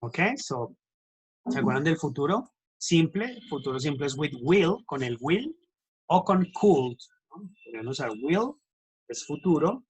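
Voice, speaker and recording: A husky-voiced male English teacher gives an online grammar lesson on a rough recording. His voice is a little high with big pitch swings and an unhurried pace. He switches between English and Spanish, corrects himself often, and checks in with students constantly.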